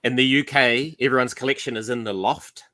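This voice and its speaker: A man's voice: mid-range voice, steady tone, fairly quick, bright, forceful tone, no echo. A middle-aged man with a New Zealand accent, hosting a casual livestream chat and joking often. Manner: joking, chatty. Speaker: livestream host.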